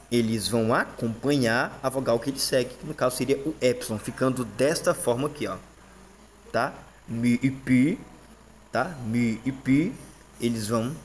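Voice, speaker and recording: Brazilian guy teaching, keeps saying tá? and repeating stuff, normal pitch, bit of faint noise. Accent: Brazilian Portuguese. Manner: frequent fillers and "tá?" checks, repeats terms. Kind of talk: casual explanatory lesson.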